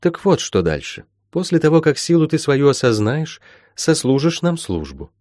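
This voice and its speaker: A man's voice: a little high, sing-song, moderate pace, a little mellow, no room sound, studio quality, voice pushed up. A man voicing a stern middle-aged woman healer who talks in old-fashioned folksy speech, in an audiobook. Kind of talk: audiobook character voice.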